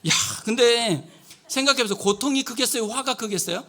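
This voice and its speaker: A man with a high, bright, ringing voice preaching in a church. He tells a personal story vividly and keeps turning to the congregation with questions. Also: a little fast. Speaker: guest pastor. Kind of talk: sermon. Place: church sanctuary.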